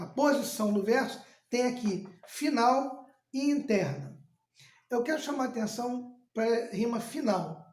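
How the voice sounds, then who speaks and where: A man's voice: extremely high pitch, a little mellow. A male teacher, explaining in a lesson, repeating words and restarting often. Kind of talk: recorded classroom lesson. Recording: echoey room.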